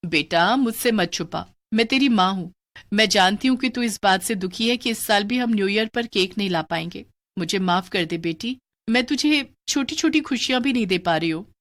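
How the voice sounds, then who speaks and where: A woman voicing a poor, tender middle-aged mother who consoles her daughter, soft and motherly. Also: mid-range voice, lively intonation, moderate pace, lightly acted.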